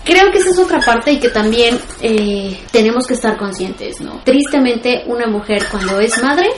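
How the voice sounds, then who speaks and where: A woman speaking in a thoughtful, measured way in a casual conversation. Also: a little high, animated, noisy background. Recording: echoey room with music behind.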